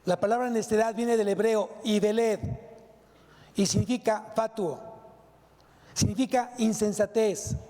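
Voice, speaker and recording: A man's voice: high-pitched, mellow. Preaching man in a reverberant church. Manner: emphatic preaching, rhetorical questions to the congregation. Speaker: pastor. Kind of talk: sermon. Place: church sanctuary. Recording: long reverb of a church hall.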